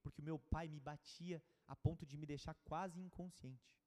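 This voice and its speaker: A Brazilian man in his thirties preaching a sermon, telling stories with emotion, moving from hushed to urgent. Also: on the high side, fairly even intonation, normal speed. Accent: Brazilian Portuguese. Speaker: pastor. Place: church hall. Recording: reverberant church hall.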